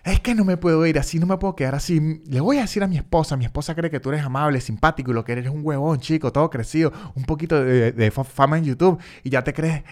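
A man's voice: fairly high pitch, fast talker, hardly any pauses, lightly acted. Man acting out a resentful middle-aged fan, Venezuelan accent, scolding rant, insults. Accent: Venezuelan Spanish. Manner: scolding, name-calling rant.

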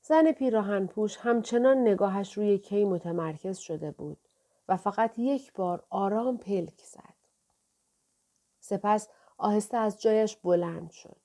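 Female audiobook reader; gentle, steady delivery, mellow voice. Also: mid-range voice. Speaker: audiobook narrator. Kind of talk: scripted narration.

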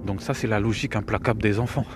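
Over music, a middle-aged male video commentator with a cold talks fast in a fairly low, fairly even voice. His opinionated reaction commentary is rambling and scornful, and he often repeats his words.

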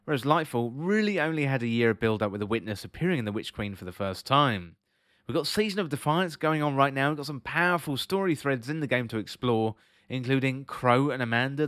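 Guy reading scripted podcast commentary and news, medium pitch, super dry recording. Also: fairly bright tone, dry recording. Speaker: host of a video game podcast.

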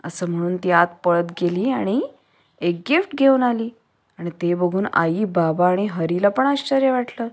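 A woman narrating a children's story in a lively, expressive way. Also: fairly low pitch, measured pace.

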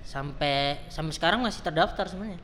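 Fast-talking man swearing through a story. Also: a little high, pushed and bright, slight background noise. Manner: fast, swears often, acts out quoted dialogue. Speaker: guest telling his life story. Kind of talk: casual storytelling interview. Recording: long reverb, faint background ambience.

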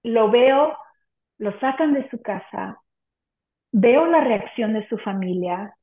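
A woman's voice: a little high, expressive, takes it slowly. Earnest woman on a tinny line. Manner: earnest, emotional, fervent. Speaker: interview guest. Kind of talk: personal testimony. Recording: echoey room on a tinny phone-like line.

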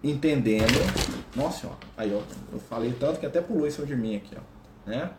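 Brazilian man giving a lively spiritual talk. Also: medium pitch, a little fast, slight background noise. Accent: Brazilian Portuguese. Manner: conversational, keeps checking in with listeners. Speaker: spiritual teacher. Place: at home, with a pet cat. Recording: roomy echo.

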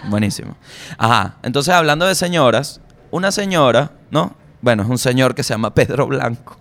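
Venezuelan guy doing a comedy podcast, swears a lot, jokey and fast-talking slang, average pitch. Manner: slangy, animated, swears freely, jokey asides. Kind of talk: casual comic monologue.

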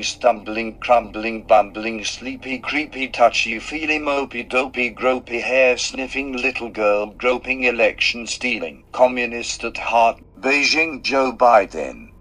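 A polite robot butler with a British accent speaks, voiced by a male text-to-speech voice. His delivery is formal, even and clearly computer-made, like a courteous household machine. His pitch sits in an ordinary middle range for a man. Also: close to an everyday voice.

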